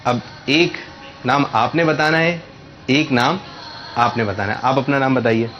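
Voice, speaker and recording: A man's voice: mid-range voice, fairly bright tone, faint music behind. Patient male quiz host, slightly muffled. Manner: patient, corrects and repeats answers slowly. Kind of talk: hosting a religious quiz with children.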